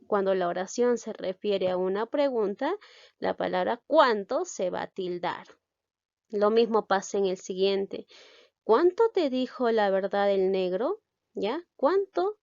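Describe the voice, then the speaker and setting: A woman teacher explaining a grammar lesson, checking in often with her students and reading example sentences slowly with emphasis. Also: medium pitch, darkish tone, no echo. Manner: explains with many checking "¿ya?" tags. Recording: dull, dry lo-fi recording.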